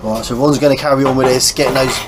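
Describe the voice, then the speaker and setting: An English man hosts a boat restoration vlog, chatting casually and explaining the work as he goes, in an informal, blokey style. He talks fast in a medium-pitched voice with fairly even intonation, on and around a small boat, with background noise from the location.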